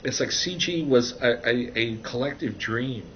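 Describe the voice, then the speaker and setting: A man's voice: mid-range voice, unhurried. An older man being interviewed about his book, talking casually with many restarts and fillers. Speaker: interviewee, author of a book on computer animation. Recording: dull, slightly noisy recording.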